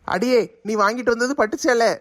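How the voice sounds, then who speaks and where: A woman's voice: fairly high pitch, natural voice. A woman voicing a grumpy, stingy husband who grumbles sarcastically. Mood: irritated. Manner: grumbling, sarcastic, fast rant.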